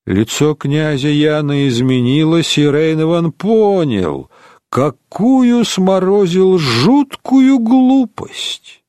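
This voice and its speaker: Man narrating an audiobook, pretty high voice, super slow and lively, dry close sound. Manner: slow, expressive storytelling.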